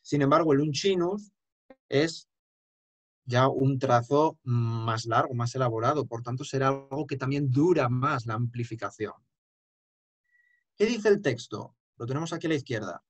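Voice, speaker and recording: A chant teacher delivers a lecture, explaining with emphasis and singing short examples along the way. His voice sits in the mid range, with lively intonation and a moderate pace.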